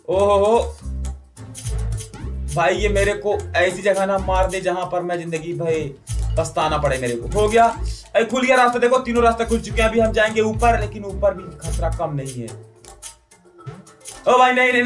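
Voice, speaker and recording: A man giving jokey, excitable commentary over a mobile adventure game, yelping and protesting whenever his character dies. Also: sits high. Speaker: gaming YouTuber. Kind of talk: Hindi gameplay commentary.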